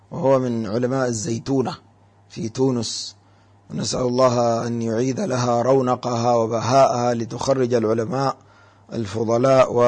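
A man, a religious scholar, answering callers on a radio call-in show, explaining grammar and reciting verses in a measured teaching manner. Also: mid-range voice, a little mellow.

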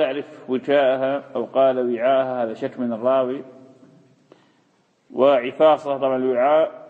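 A man teaching a religious text in a lecture, explaining terms and repeating key words. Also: mid-range voice. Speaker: hadith teacher. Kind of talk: classroom lecture. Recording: dull lo-fi hall recording.

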